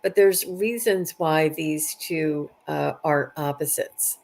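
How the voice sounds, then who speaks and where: This live-stream host, a woman, offers readings to her viewers in a relaxed, chatty way. She sits low with vocal fry and a darkish tone, and she often halts and says phrases again while thinking aloud.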